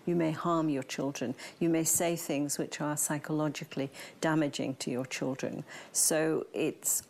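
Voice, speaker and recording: Expert: woman, low-pitched, firm and emphatic, interview clip. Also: fairly even intonation, moderate pace, darkish tone, slight background noise. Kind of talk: unscripted interview remarks.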